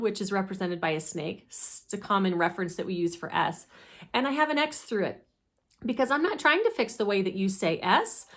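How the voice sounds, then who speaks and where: A woman speech therapist giving a deliberate, methodical instructional explanation of a teaching method. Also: mid-range voice, fairly bright tone. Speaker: speech therapist presenting her own teaching deck.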